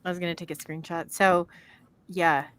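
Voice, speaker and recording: A middle-aged woman with an Iowan accent hosts a casual live-stream chat as a podcast host, rambling and trailing off as she works the screen. Her lowish voice is steady, moderately paced, clear and resonant with a fairly bright tone, recorded through a video call mic with no room sound.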